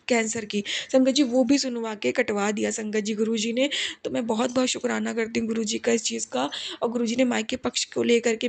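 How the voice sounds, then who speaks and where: A woman's voice: on the high side, creaky. A young woman giving an earnest, fearful spoken testimony, repeatedly addressing her listeners as a devoted follower.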